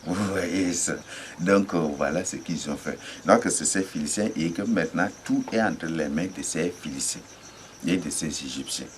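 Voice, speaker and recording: A man gives an informal Bible teaching, repeating himself, pausing, and spelling words out letter by letter. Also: low-pitched, slight background noise. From Chad. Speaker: religious teacher.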